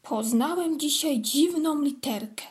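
A woman's voice: high-pitched, a little slow, darkish tone. A woman voicing a curious, easily offended little male kitten in a children's story reading, childlike and eager.

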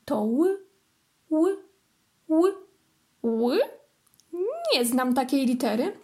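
A woman's voice: sits high, expressive, extremely slow, dark tone, exaggerated voice. A woman voicing a curious, easily offended little male kitten in a children's story reading, childlike and eager. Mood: indignant.

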